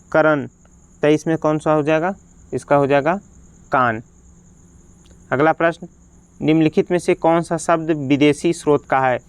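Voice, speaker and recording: A man teaches an exam practice lesson, reading each question and its options aloud and then naming the answer. His voice is smooth and resonant and sits a little high for a man. The recording is close and dry, with no room sound around him. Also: dry recording. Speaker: Hindi teacher.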